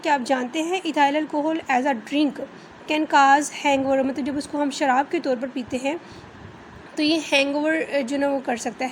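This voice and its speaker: A woman chemistry teacher with a Pakistani Urdu accent, giving a recorded class lecture. She reads English lines slowly, then explains them in Urdu, with many fillers and frequent "theek hai" check-ins. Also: high voice, a little mellow, a little hiss or hum.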